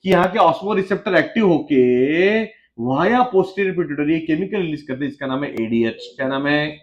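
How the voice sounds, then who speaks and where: A man teaching biology in a classroom, firing questions at students and teasing them, with quick low asides. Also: animated, muffled recording. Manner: quizzes students with repeated questions, teasing and joking. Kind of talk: lively classroom lecture.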